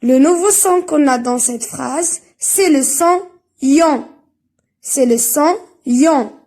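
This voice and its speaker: Slow, high-voiced woman teaching reading. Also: darkish tone. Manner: slow, carefully enunciated, repeats sounds and syllables. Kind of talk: early reading lesson.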